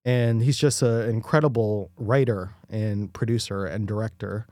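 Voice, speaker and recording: A man's voice: lowish voice, fairly even intonation, moderate pace, mellow, no echo. Man, enthusiastic co-host, casual space chat, dry close sound. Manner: enthusiastic, upbeat. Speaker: podcast co-host.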